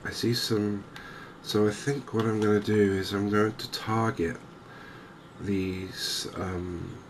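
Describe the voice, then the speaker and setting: Cozy ASMR game commentary comes from a soft-spoken gaming host from England, whose very low voice stays even. He takes his time and keeps it gentle, with clear ambient sound in the background.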